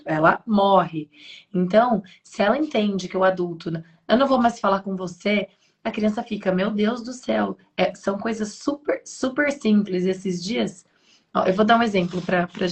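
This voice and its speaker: A woman and mother in a casual, reflective conversation, explaining earnestly and acting out everyday examples. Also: medium pitch. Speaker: mother and podcast guest.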